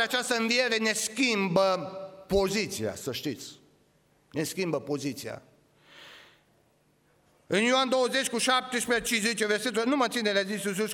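A man preaching an Easter sermon, repeating his phrases and swinging from loud calls to low, quiet asides. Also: big-room sound.

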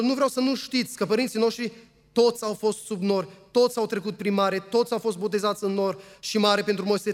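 High-voiced preacher in a reverberant hall. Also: male voice. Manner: earnest, asks the congregation rhetorical questions; reads scripture aloud at length. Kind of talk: sermon.

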